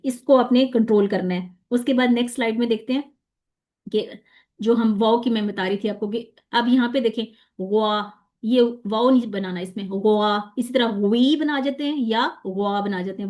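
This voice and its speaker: A woman teaching tajweed pronunciation in an online lesson, patiently drilling letter sounds slowly and repeating them. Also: a little high, a little mellow.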